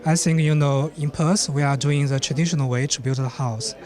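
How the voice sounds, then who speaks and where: A man's voice: on the high side, fairly even intonation, fairly quick, crowd noise. A man answering an interview question, searching for his words.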